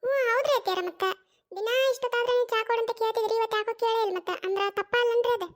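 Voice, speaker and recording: A performer doing an insistent young cartoon daughter-in-law with a North Karnataka Kannada accent, her voice pitched extremely high. She coaxes and pleads in quick, pestering runs. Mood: coaxing. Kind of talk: cartoon voice acting.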